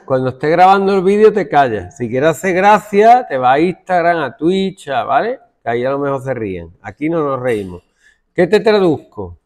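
A man's voice: a little high, very animated, normal speed, darkish tone. A male computing teacher demonstrating code to a class, thinking aloud as he works and making stern asides to his students.

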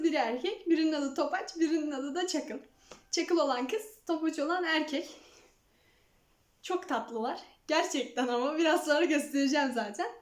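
A young woman chats casually to the camera from her home, her voice high and bright. She slips into doting baby talk with her cats, and the room around her sounds echoey. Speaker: vlogger showing her cats. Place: at home, indoors.

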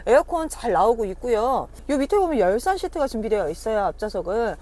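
A woman's voice: on the high side, very animated, fast talker, warm tone. A woman car dealer doing a casual, chatty sales walkaround, persuasively addressing her customers. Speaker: used-car dealer presenting a car. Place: on location outside and inside a car.

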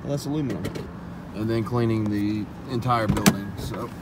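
A young man who owns a pressure washing business chats casually with viewers, calling them "guys," while he drives. His voice is lowish and his pace moderate. He's filmed on a phone held at arm's length inside a car that may be parked or moving, so road, car, and outdoor noise come through.

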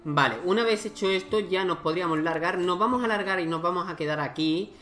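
A man gives loose, casual let's-play commentary, thinking aloud and breaking into exclamations. His voice sits a little high. Faint music plays underneath. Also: brisk, bright, forceful tone. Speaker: gaming YouTuber.

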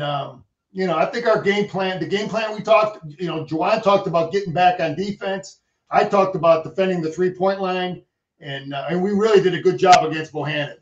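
An older man talks sports over a video call from his home study, halting and repeating himself. He sits far from a dull webcam mic, and the room echoes around his fairly high voice. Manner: halting, repeats words, chuckles. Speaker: co-host, sports fan. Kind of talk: casual sports chat. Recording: roomy, distant, dull webcam audio.

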